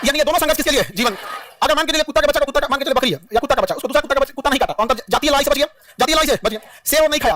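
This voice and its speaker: Male teacher, high bright voice, rapid quizzing delivery, dry distant mic. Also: no echo. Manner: repetitive, quizzing, humorous. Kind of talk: classroom lecture.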